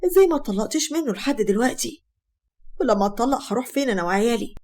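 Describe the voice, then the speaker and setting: A woman's voice: on the high side, expressive, rapid-fire, darkish tone, natural voice. A woman with an Egyptian accent voicing a bitter, outspoken female coworker who talks bluntly and scolds.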